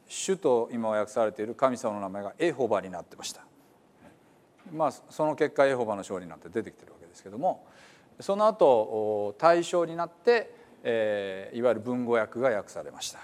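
Male pastor, conversational sermon delivery, lively pitch, plenty of fillers. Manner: conversational, explanatory, many fillers. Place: church.

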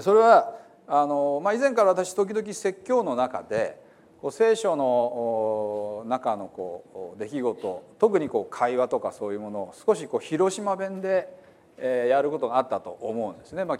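Chatty pastor with a Hiroshima accent. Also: male voice, medium pitch, big pitch swings, moderate pace, a little mellow. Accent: Hiroshima Japanese. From Hiroshima, Japan. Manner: chatty, self-deprecating, frequent fillers. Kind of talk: sermon introduction.

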